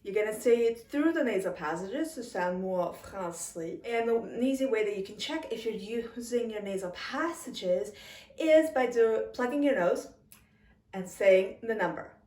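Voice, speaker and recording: A woman's voice: a little high, lively intonation, measured pace, darkish tone. A woman teaching a language lesson, speaking patiently, repeating each word and chuckling now and then. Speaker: French teacher. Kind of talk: slow, careful language lesson. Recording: roomy echo, a little far from the mic.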